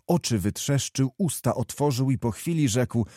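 Male audiobook narrator, measured and mellow. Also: mid-range voice, lively intonation, dry recording, clean studio sound. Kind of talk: scripted narration.

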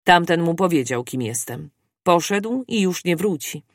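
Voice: mid-range voice, lively intonation, unhurried, no echo. Reader doing a fretful police inspector, agitated, dry close voice. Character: restless, self-doubting police inspector.

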